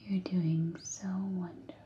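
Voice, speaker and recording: A woman softly whispering a soothing, encouraging guided relaxation in an ASMR style. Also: fairly low pitch, little pitch movement, unhurried, slight background noise. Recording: dull lo-fi recording.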